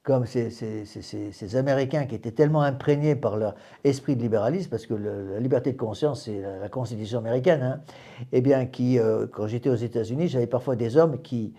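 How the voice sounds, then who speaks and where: A man's voice: mid-range voice, fairly quick, mellow. A man, a priest, giving a doctrinal class to a small group in an emphatic way, often repeating words and restarting phrases.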